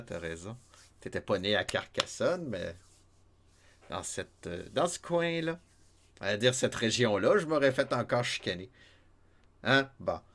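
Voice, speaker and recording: A man with a Québécois accent streaming a retro game, chatting and joking with his viewers and laughing often. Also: mid-range voice. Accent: Québécois French. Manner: chatty, jokey, laughs often, reads chat aloud. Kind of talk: casual let's-play chat with viewers.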